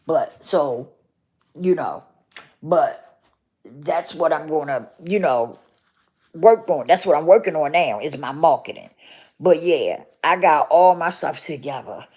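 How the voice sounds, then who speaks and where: A woman with a lowish voice and talks straight to her listeners in an earnest motivational heart-to-heart. She repeats herself for emphasis and keeps checking in with "okay?" and "right?". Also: lively intonation, slow, darkish tone. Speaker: vlogger.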